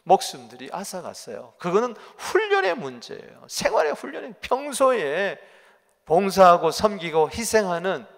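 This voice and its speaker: Man, pastor, sermon, rhetorical questions, loud-soft swings, fairly high voice, reverberant sanctuary. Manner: preacherly, rhetorical questions to the congregation; dramatic swings between loud and quiet. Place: church sanctuary. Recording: long church reverb.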